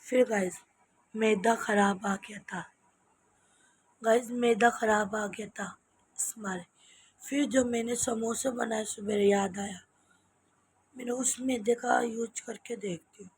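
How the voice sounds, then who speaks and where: Woman vlogger, hoarse with a cold, husky and slow-talking, casual chat. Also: a little high, fairly even intonation, a little mellow. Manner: chatty, tired and sleepy. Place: home kitchen at night.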